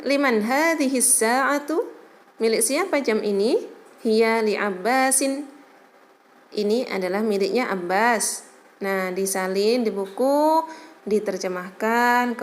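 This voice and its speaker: A woman teaching a recorded Arabic lesson, slowly reading each phrase, translating it and explaining pronunciation with patient check-ins. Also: medium pitch, a little hiss or hum. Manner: patient, adds "ya" to check understanding.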